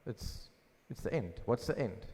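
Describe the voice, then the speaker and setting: A pastor preaching a sermon at a pulpit microphone, asking questions and answering them himself with emphasis. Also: male voice, mid-range voice, expressive, unhurried, a little mellow, breathy edge. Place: church hall. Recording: long hall reverb.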